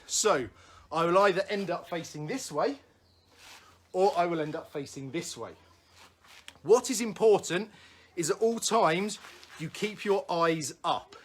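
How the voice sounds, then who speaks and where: Patient stage combat instructor calling drills. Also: medium pitch. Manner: patient, reassuring, explains step by step with light laughs. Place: room at home during lockdown. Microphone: camera in front of a standing speaker.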